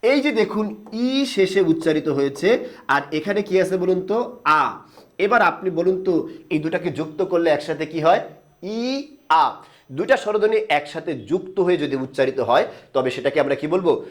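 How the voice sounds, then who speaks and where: A man teaching a grammar lesson on video, asking questions and then answering them himself, and drawing sounds out slowly for the viewer to repeat. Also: fairly high pitch, animated. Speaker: Bengali grammar instructor.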